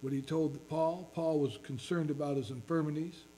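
A man's voice: a little high, steady tone, moderate pace, mellow, a little hiss or hum, poor audio. A man preaching a sermon as pastor, earnestly reading scripture in King James wording.

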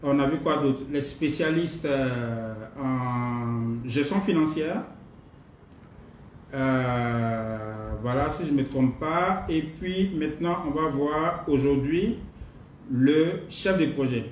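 A man leading a live online training class, greeting participants and speaking at an unhurried pace with pauses and fillers. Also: medium pitch. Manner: unhurried, repeats himself, many pauses and fillers. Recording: roomy distant mic, faint noise.

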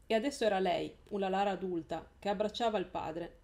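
A woman's voice: mid-range voice, fairly quick, a little mellow. A woman hosting a live stream, reading a novel aloud in a casual way, often correcting herself and laughing.

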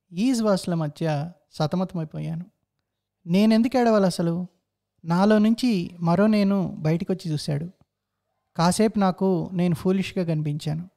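A man's voice: high voice, creaky, warm tone. A man narrating a first-person story in a reflective, introspective way.

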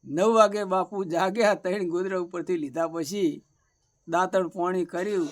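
High-voiced village storyteller man. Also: fairly even intonation, normal speed. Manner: acts out village dialogue in plain narration. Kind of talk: folk comedy storytelling.

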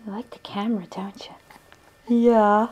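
A woman's voice: on the high side, normal speed, rough recording. A young woman filming her baby at home for the grandparents, coaxing the baby with repetitive sing-song baby talk on a handheld camcorder in a bedroom.

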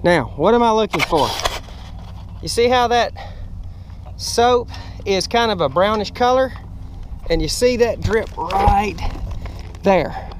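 A middle-aged American man who cleans roofs for a living explains his job in a plainspoken, casual way while demonstrating it to camera from a ladder at the roofline. His high-pitched voice is animated, taking things slowly with frequent pauses, and the outdoor action camera picks up wind and machinery.

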